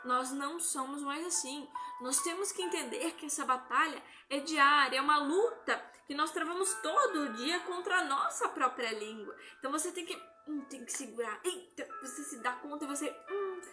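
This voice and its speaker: A woman's voice: high-pitched, normal speed, hardly any pauses. A woman gives an informal devotional talk from home on a live stream, tagging nearly every phrase with a questioning "né?". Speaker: lay religious speaker. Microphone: phone or webcam on a live stream. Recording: music playing behind the voice.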